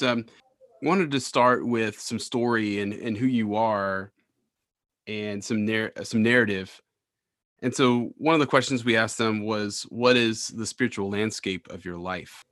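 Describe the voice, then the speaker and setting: A man's voice: lowish voice, a bit bright, no echo, studio quality. A man hosting a casual podcast interview as a church missioner, friendly and often restarting phrases. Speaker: podcast host, campus and young adult missioner.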